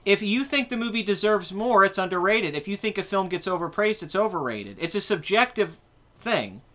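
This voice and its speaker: A man's voice: high voice, animated, moderate pace, bright, forceful tone. A man in his twenties hosting a casual live chat about movies, rambling and correcting himself as he answers viewer comments. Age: 20s. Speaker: host.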